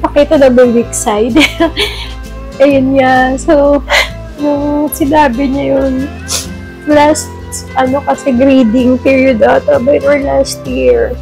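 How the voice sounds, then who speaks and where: A middle-aged mother with a Filipino accent speaks in a sit-down confessional vlog, slow and emotional, often close to tears. Her voice sits a touch high, and she mixes English and Tagalog. Soft guitar music plays faintly under her. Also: steady tone, gravelly, poor audio. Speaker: mother vlogger.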